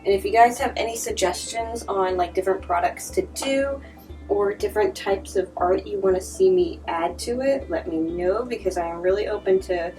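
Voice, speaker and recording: A woman's voice: medium pitch, far from the mic, rough recording. Chatty woman vlogging her crafts off-mic. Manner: chatty, thinking aloud while working, some soft whispered asides. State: sniffly from allergies. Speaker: artist vlogger. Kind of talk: casual crafting vlog chat. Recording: voice a little off-mic, faint music behind.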